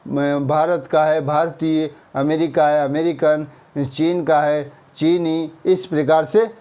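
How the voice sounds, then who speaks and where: A man with a Hindi accent teaching English grammar, explaining slowly and checking in with the class after each point. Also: fairly high pitch, fairly even intonation, dark tone. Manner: slow explaining, drawn-out example sentences, frequent "theek hai na" checks. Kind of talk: classroom-style grammar lesson.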